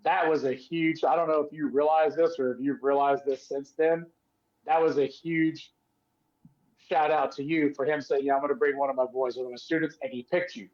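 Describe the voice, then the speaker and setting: Man, podcast co-host, casual storytelling, acts out quotes, somewhat high voice, dull lo-fi sound. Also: fairly even intonation, normal speed, darkish tone. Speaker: podcast co-host, former wrestler.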